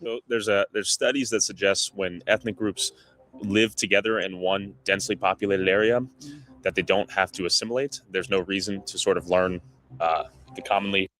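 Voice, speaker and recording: A man interviews passersby on the street outdoors, asking calm, inquisitive questions. His voice is fairly low, and faint background noise runs under it. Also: moderate pace, rough recording.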